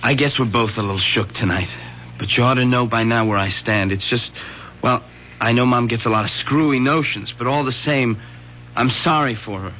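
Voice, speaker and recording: An earnest American teenage boy acted by a man in a vintage radio play, shaken and burdened with guilt. His medium-pitched voice is tense and bright, respectful but hesitant. The recording is muffled and lo-fi. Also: normal speed, lightly acted. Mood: troubled. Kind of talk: 1970s American radio drama acting. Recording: dull lo-fi old radio broadcast, faint hum.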